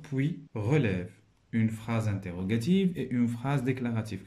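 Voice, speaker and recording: A man's voice: lowish voice, warm tone. A man teaching a primary school French grammar lesson with a Moroccan accent. He explains each point in French, then repeats it in Moroccan Arabic.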